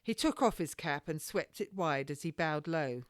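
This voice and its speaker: Reading her own historical novel in an informal audiobook style, a woman with a deep voice narrates in an animated way at a moderate pace. The scripted storytelling is unpolished, full of stumbles and self-corrections, and the studio-quality recording has no echo.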